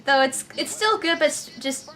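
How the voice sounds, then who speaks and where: A woman co-hosting a casual video commentary, giggly and quick to laugh. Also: sits high, animated, sharp tone.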